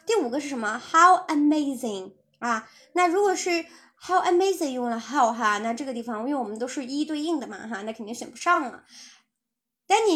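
A woman teaching English in a live-streamed lesson, chatty and encouraging as she answers viewers' messages. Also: sits high. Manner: chatty, encouraging, reads out chat replies with laughs.

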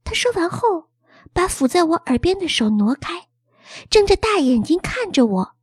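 A woman with a high, very lively voice reads a children's story aloud and tells it expressively, as a child would. The sound is close and dry. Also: moderate pace, no room sound. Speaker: narrator. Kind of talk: storybook reading.

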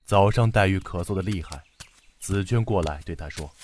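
A man narrating a classic novel for children in an expressive, dramatic storytelling manner. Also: sits low, moderate pace, a little hiss or hum.

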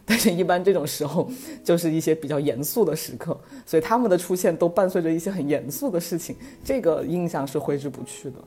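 A woman in her thirties chatting casually on a podcast, telling a story in a lively way and laughing often. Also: deep voice, fast, few pauses. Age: 30s. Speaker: podcast guest.

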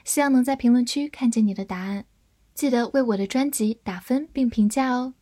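A woman teaching English vocabulary in a scripted lesson, explaining each word and reading example sentences slowly and clearly. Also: a little high, dark tone, dry recording.

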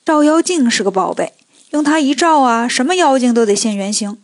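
High-voiced woman telling a children's story. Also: a little fast, dry recording. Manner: lively, colloquial, joking asides.

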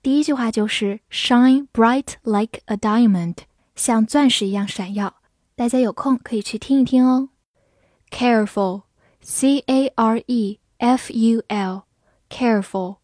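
A woman teaching English vocabulary in a scripted lesson, spelling out words letter by letter and reading example sentences slowly. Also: on the high side, a little mellow, no echo, clean studio sound.

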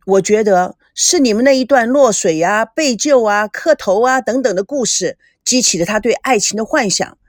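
A woman's voice: fairly high pitch, normal speed, few pauses, no echo, studio quality, close to an everyday voice. A woman voicing a patient, outspoken female crew member in a storybook reading, earnest and lecturing.

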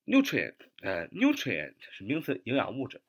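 A young man teaching English vocabulary, spelling words letter by letter and repeating them patiently, drawing out the English words slowly. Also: mid-range voice, huge pitch swings, husky. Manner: drawls English words slowly, fills pauses with "啊". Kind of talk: spoken vocabulary lesson.

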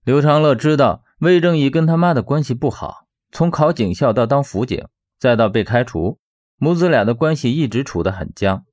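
A man's voice: mid-range voice, animated, normal speed, a little mellow. A man reading a novel aloud as narrator, telling the story expressively. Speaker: audiobook narrator. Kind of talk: scripted narration.

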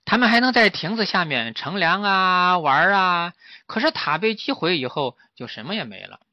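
Animated man telling a children's story. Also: high-pitched, moderate pace, dry recording. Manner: animated, playful with exclamations. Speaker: father telling a bedtime story. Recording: slightly muffled dry recording.

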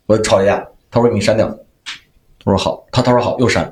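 Man, fast lively storytelling, laughs through punchlines, echoey room. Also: on the low side. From Henan, China. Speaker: comedian. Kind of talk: storytelling in casual podcast chat.

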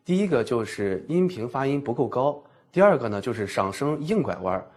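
A man co-presenting a pronunciation lesson, asking questions and summarizing points in a measured way. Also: medium pitch, very animated, darkish tone. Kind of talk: scripted teaching dialogue.

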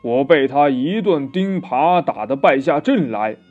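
A man voicing a gruff, boastful old male demon king in a children's storybook, slow and grumbling. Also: mid-range voice, animated, phone-quality sound, soft background music, voice pushed down. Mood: gloomy.

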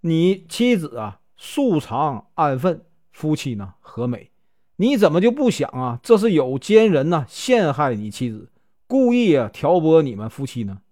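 Man playing a stern scolding county magistrate, lively pitch, storybook telling. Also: a little slow, no echo, studio quality.

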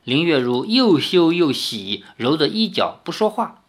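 A man reading a martial arts novel aloud with expressive, dramatic storytelling. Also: fairly high pitch, measured pace. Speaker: reader.

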